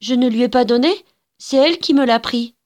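A sweet, light-voiced little girl, as a woman reader puts her on, polite on the surface and sly underneath. She speaks in a slightly raised child's voice, read slowly from a storybook. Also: a little high, darkish tone, voice pushed up, lightly acted. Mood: defensive.

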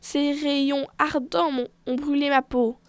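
A sly young servant girl in a storybook fairy tale, all sugary flattery over a scheming heart, as a woman narrator puts her on. Her voice sits high and comes across dry and close. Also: slow pace, no room sound. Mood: fawning. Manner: fawning, flattering.

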